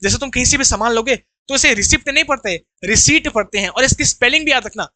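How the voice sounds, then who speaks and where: Indian male tutor, online vocab class, lively and bright, dry recording. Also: very high-pitched, quick pace, no echo. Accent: Indian English. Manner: explains terms, has students repeat after him. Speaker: English teacher.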